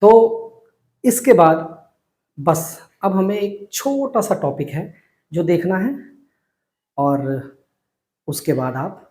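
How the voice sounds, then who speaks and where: Male Hindi teacher, high-pitched, patient syllable drills, roomy echo. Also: a little mellow. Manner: slow, repetitive drilling of syllables. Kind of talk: whiteboard reading lesson.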